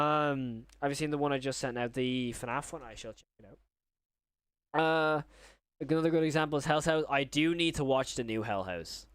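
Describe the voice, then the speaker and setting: With a mid-range, fairly bright voice recorded clean and dry, a young streamer chats casually while responding to videos and his chat. He rambles and frequently rephrases things mid-thought.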